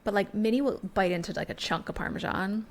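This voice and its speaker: A woman's voice: medium pitch, fast. A woman in her thirties co-hosting a podcast, bubbly and enthusiastic in casual chat. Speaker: podcast co-host.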